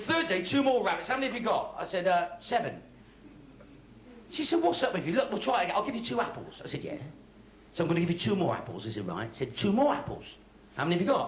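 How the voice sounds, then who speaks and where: A man from England with a West Country accent, telling stand-up stories live on stage and switching voices for each character. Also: high-pitched. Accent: English West Country. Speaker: stand-up comedian. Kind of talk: stand-up comedy set. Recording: echoey live hall with faint noise.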